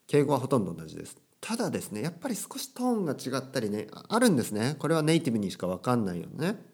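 A man's voice: mid-range voice, huge pitch swings, racing, a little mellow, slightly rough. A young man teaching casually, with playful quotes of characters and phrases. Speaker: Japanese teacher. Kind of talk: casual language lesson.

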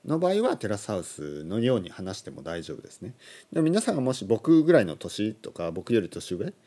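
A man in his thirties teaching on a casual podcast, animated, chuckling, and correcting his own phrasing aloud. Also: fairly low pitch, fairly quick. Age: 30s. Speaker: Japanese language teacher, podcast host.

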